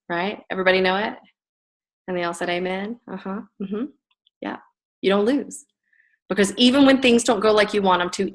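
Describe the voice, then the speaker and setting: A middle-aged woman coaching a group on a call, giving an energetic tough-love motivational talk. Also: medium pitch. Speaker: business coach.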